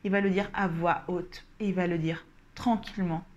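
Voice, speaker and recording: A woman giving a coaching lesson to camera, explaining calmly and deliberately and gesturing as she talks. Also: fairly low pitch, dull audio. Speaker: communication coach. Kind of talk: instructional coaching talk to camera.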